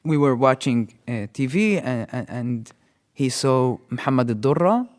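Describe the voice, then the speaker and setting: This interview guest is in his 30s, has Arabic as his first language, and shares personal stories in a reflective way. His medium-pitched voice sounds animated, though his delivery is halting and he repeats words while thinking.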